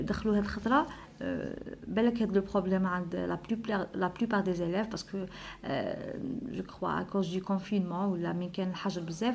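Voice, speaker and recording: A woman with an Algerian accent, a primary school teacher explaining a French lesson step by step, slowing down to stress syllables. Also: mid-range voice, a little mellow. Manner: slows and stresses syllables when spelling. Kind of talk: recorded classroom lesson.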